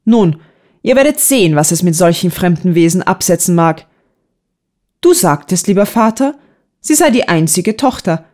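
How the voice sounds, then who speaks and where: A woman's voice: fairly low pitch, lively intonation, moderate pace, a little mellow, close to an everyday voice. A woman reading a stubborn young man who grumbles with mock solemnity in an audiobook. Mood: grumbling. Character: stubborn young man, the elder son, dramatic.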